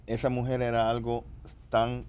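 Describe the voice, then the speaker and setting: A man, telling family stories in a casual chat and jumping into high voices to act out the people in them. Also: moderate pace, smooth. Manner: animated, acts out voices with sudden high pitch.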